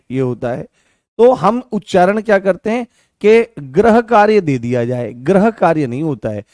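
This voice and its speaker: A man's voice: fairly high pitch, darkish tone, no echo, clean studio sound. A man teaching a live online Hindi grammar class for exam candidates, repeating points and asking questions he answers himself, with a Rajasthani Hindi accent. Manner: repetitive, asks questions and answers them himself, sometimes sings lines.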